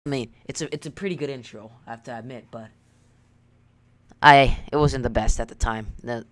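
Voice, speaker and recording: A man's voice: medium pitch, fairly even intonation, normal speed, fairly bright tone. A teenage boy telling a story on his vlog in a casual, rambling and sarcastic way with crude jokes. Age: teens. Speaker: YouTuber.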